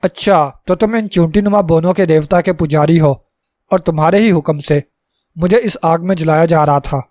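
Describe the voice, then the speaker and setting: A bold, boastful young hero, played by a male storyteller, tossing out menacing threats. His voice sits fairly high and is recorded close and dry. It comes across as a storybook read aloud. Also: darkish tone, dry recording, lightly acted. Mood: mocking.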